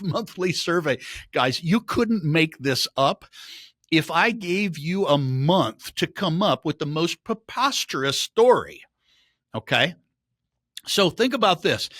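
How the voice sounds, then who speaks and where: A man delivers pointed commentary on the market as a podcast host. His voice is bright and lively, and it swings up and down as he leans into his words with heavy sarcasm. He talks slowly, and the recording is dry and close. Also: a little high, no echo. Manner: sarcastic, emphatic, rising to indignant outbursts.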